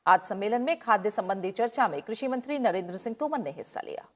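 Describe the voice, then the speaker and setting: Female news anchor, formal even read, mid-pitched. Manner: steady, measured delivery.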